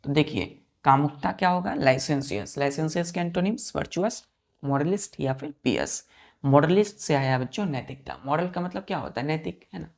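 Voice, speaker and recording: A woman's voice: low-pitched, expressive, brisk, gravelly, darkish tone. A woman teacher giving a vocabulary lesson, spelling words letter by letter, counting the letters aloud and asking her students questions over and over. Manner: asks the class repeated questions.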